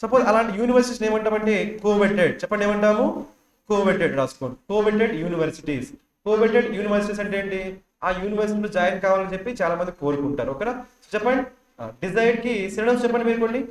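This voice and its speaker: High-pitched male teacher quizzing his class on vocabulary. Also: lively intonation, rapid-fire, echoey room. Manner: drills words with constant questions to students.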